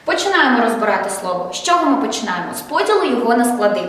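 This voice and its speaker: High, lively-voiced woman teacher, echoey. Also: distant mic. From Ukraine. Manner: slow, clear teacher talk with questions and praise. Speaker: primary school teacher. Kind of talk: first-grade literacy lesson.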